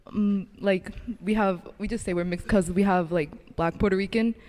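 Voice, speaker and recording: A woman's voice: medium pitch, steady tone, moderate pace, darkish tone. A young woman from South Florida, a first-year student, chatting casually and laughing easily in a class discussion. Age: young adult. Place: large lecture hall. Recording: reverberant lecture hall.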